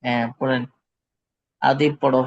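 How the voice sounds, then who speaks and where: In a dry recording, a man with a mid-range voice and little pitch movement teaches English pronunciation online at a moderate pace. He patiently says words over again for students, and the call audio is dull and lo-fi.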